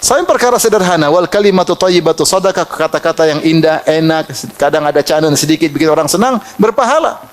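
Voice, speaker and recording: A man preaching an Islamic sermon, telling lively personal anecdotes, chuckling often and reciting Arabic verses. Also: a little high, quick pace, hardly any pauses.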